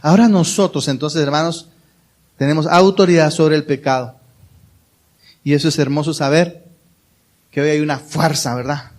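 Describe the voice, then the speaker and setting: A male pastor preaching a sermon in a church, speaking warmly and conversationally and putting questions to the congregation. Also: a little high, steady tone, normal speed, long pauses. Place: church hall.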